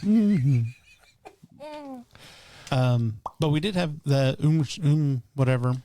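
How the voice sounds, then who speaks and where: A man's voice: mid-range voice, normal speed, warm tone, a little hiss or hum. Easygoing man chatting on a podcast. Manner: rambling, easygoing, trails off and restarts. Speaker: podcast co-host. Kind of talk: casual chat.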